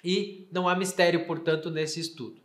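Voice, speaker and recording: A man teaching a lesson, carefully explaining and slowly sounding out words. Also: on the high side, fairly even intonation, reverberant. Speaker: Greek teacher.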